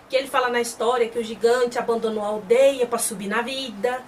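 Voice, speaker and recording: A woman's voice: fairly high pitch, fairly even intonation, fairly quick. A woman hosts a series review, chatting as she retells an episode and voices the characters' lines. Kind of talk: casual episode recap. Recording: slightly distant mic with faint background noise.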